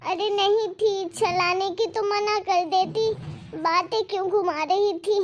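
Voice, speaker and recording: A woman voicing an elderly mother in stomach pain, who talks slowly, groans and pleads through tears. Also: extremely high pitch, steady tone, highs cut off, slight background noise. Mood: bitter, wailing. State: crying in pain.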